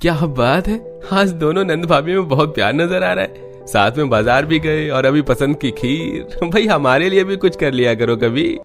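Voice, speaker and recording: A man's voice: a little high, animated, moderate pace, over music. A man voicing a jovial adult brother who jokes and teases. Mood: teasing.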